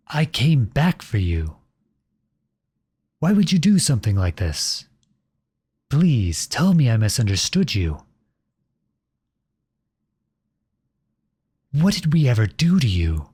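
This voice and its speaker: Hurt and disbelieving, a man performs a young outlawed prince, noble, protective, and devoted to his beloved, in an earnest, dramatic ASMR audio roleplay spoken straight to unseen listeners. His mid-range voice is soft and husky, heavily acted, and recorded dry and close on a studio-style microphone.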